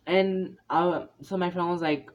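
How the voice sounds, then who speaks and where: A man's voice: high voice, steady tone, unhurried, highs cut off. A man in his twenties tells a story in a vlog, rambling with frequent restarts and fillers. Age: 20s. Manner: rambling, lots of restarts and "you know". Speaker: vlogger.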